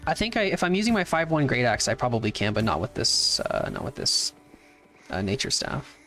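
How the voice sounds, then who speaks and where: A man's voice: medium pitch, big pitch swings, a little fast, pushed and bright, soft background music. Laid-back male game streamer. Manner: laid-back, chatty, reads chat aloud and answers. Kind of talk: casual livestream chat while playing.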